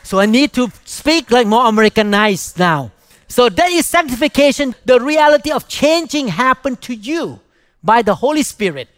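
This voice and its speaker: High-pitched older Thai-accented man preaching. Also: very animated, moderate pace, a bit bright, no echo. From Thailand. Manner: emphatic, repeats phrases in short chunks. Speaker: pastor preaching. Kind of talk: sermon.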